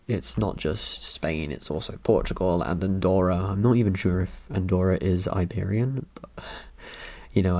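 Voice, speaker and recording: A young British male vlogger with a low, warm voice chats casually about his ancestry results. He rambles and jokes through his commentary, filling it with plenty of ums and uhs.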